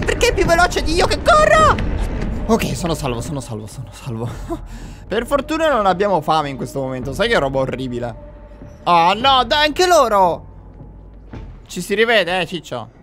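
A young man giving jokey, excitable let's play commentary on a horror game, talking to viewers and breaking into panicked yells. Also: sits high, unhurried, long pauses, music in the background. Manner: addresses viewers directly. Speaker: gamer playing a horror game.

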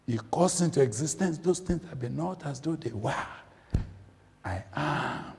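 A man's voice: a little high, animated, fairly quick, gravelly. Impassioned male preacher in a reverberant church. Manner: impassioned, swings from loud to hushed. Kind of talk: sermon.

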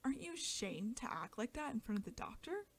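A woman's voice: fairly high pitch, very animated, a little fast, breathy edge, voice pushed up, full character voice. A woman voicing a worried mother who scolds her stubborn child in a story reading. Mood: scolding. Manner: scolding, fretful. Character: anxious, scolding mother of a sick girl.

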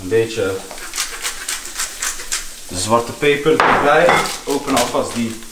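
A man chatting casually in street slang as he cooks, repeating words excitedly. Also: medium pitch, takes it slowly. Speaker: home cooking vlogger. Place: home kitchen with food sizzling. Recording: roomy kitchen, clear background noise.

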